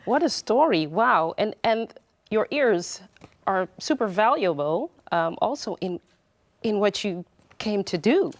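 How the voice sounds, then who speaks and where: A woman with a medium-pitched voice conducts a casual interview. She is conversational and encouraging, often affirming what she hears, and her sound is dry, with hardly any echo. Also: very animated, measured pace. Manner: encouraging, with frequent short affirmations.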